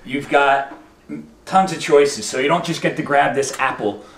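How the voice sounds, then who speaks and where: A man's voice: medium pitch, unhurried. Trainer guy pushing veggies in a grocery aisle, mid voice, echoey store sound. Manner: emphatic, coaxing. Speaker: personal trainer host. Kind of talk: instructional presenting. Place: supermarket produce aisle.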